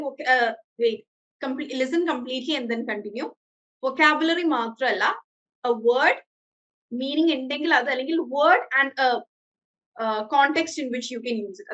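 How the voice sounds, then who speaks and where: A woman's voice: high-pitched, a bit bright, rough recording. A woman with a Malayali accent teaching an English class over a video call, switching between English and Malayalam and praising her students often.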